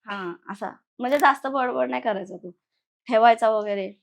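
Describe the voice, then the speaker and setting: A woman's voice: fairly high pitch, normal speed, gravelly. Woman narrating a horror tale conversationally. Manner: conversational, animated retelling with quoted voices. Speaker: guest storyteller. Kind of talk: casual spoken horror story.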